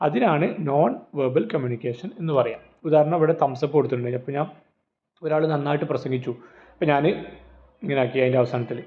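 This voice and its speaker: A man teaching an exam-prep lecture, explaining with rhetorical questions and everyday examples. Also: a little high. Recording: phone-like narrow audio.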